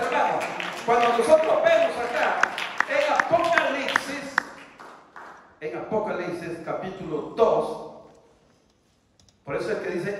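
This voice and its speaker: A man's voice: extremely high pitch, a bit bright, a little hiss or hum. A middle-aged man preaching a fervent sermon from a church pulpit, again and again addressing his listeners as brothers. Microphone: far camera in the pews. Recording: echoey hall from far off.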